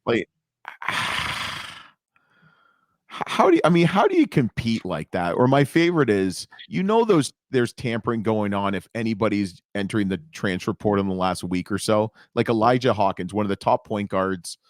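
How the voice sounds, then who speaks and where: A man co-hosting a podcast in casual conversation, talking in a lively, rambling way and correcting himself mid-sentence. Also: lowish voice, normal speed, dry recording, studio quality. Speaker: podcast co-host. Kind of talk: casual sports podcast chat.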